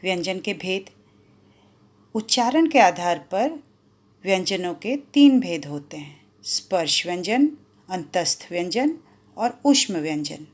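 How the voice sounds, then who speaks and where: A woman teacher explaining Hindi grammar to schoolchildren, drawing out each example sound. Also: on the low side. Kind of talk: explaining a grammar lesson to children.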